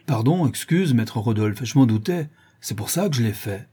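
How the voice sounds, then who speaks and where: A man voicing a rough, loyal Parisian ex-brawler who rambles in street slang. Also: mid-range voice, animated, moderate pace, dark tone. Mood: confiding.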